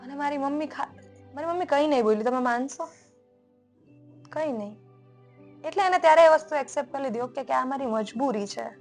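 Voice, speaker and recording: A woman's voice: sits high, fairly quick, long pauses, a little mellow, soft background music. A young woman talking casually and emphatically, telling a family story in a podcast conversation. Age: young adult. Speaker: guest speaker, entrepreneur.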